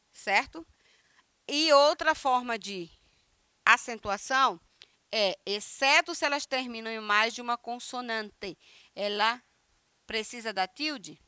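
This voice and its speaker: A woman's voice: a little high, sharp tone, clean tone, dry recording. A woman with a Brazilian Portuguese accent, teaching a Spanish grammar lesson, explaining step by step and often checking in with her students. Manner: reads Spanish examples slowly and deliberately. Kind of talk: recorded online grammar lesson.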